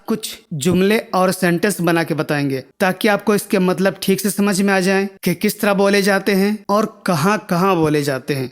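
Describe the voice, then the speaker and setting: A man's voice: high voice, few pauses, big-room sound. A man teaching words of a language to viewers, patiently repeating each word and checking that they understand. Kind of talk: spoken language lesson.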